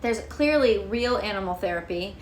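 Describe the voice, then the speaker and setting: A woman's voice: medium pitch, expressive, moderate pace, roomy sound, a little hiss or hum. A woman giving a casual, rambling tarot reading to camera, emotional and chatty, swearing freely. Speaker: tarot reader.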